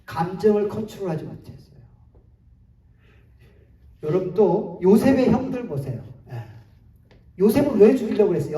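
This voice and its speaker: Animated male pastor in echoey church. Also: high-pitched. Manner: animated, rhetorical questions, chuckling. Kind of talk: sermon. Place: church sanctuary. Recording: echoey hall, distant mic, faint hiss.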